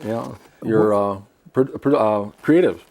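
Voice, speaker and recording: A man's voice: lowish voice, takes it slowly, creaky, a little mellow. A man hosting a talk show, reading a profile aloud and adding chatty asides with frequent laughs. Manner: chatty, laughs between lines.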